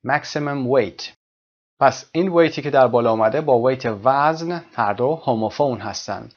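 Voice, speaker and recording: Male English teacher, mid-pitched voice, slow spelled-out examples, dull lo-fi sound. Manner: explains in Persian, reads English examples slowly and spells words out. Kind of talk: recorded language lesson. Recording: dull lo-fi recording.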